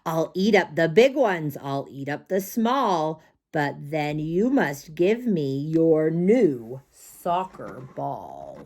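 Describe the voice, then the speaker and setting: A woman voicing a male green vegetable monster who growls his words slowly and deliberately in a storybook reading. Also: low-pitched, very animated, darkish tone, exaggerated voice. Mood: growling.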